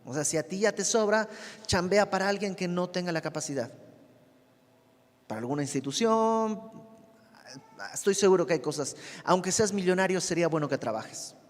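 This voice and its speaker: A man with a Mexican Spanish accent leads a verse-by-verse Bible study, talking with his listeners rather than preaching at them. His voice sits a little high and he keeps turning to the room with questions. A long reverb trails after his words. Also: normal speed, pauses often. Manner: conversational, asks the listener questions. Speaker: Bible teacher.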